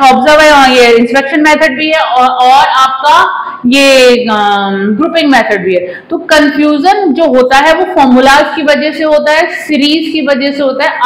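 A woman's voice: sits high, fairly bright tone. A woman in her forties explaining a maths lesson at a whiteboard, mixing in English phrases and addressing students politely. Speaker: commerce teacher. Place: classroom in front of a whiteboard. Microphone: lapel mic. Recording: echoey classroom.

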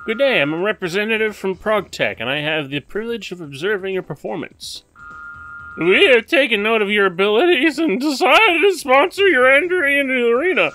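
A man's voice: high voice, lively intonation, brisk, bright, forceful tone, soft background music. A man putting on a stiff, courteous voice as a formal company representative reading out a letter.

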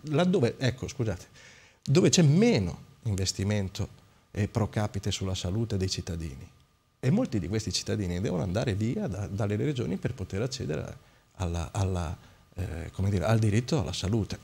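A man's voice: lowish voice, creaky, a little mellow, husky. A man speaking as a guest in a talk show debate, hesitant, often searching for words. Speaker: studio guest.

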